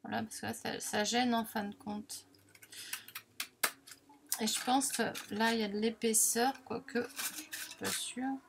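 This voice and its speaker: A woman's voice: on the high side, level tone, measured pace, long pauses, slight background noise. A woman chatting casually while demonstrating a paper craft, self-deprecating and full of little filler words. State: has the hiccups. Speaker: crafting vlogger.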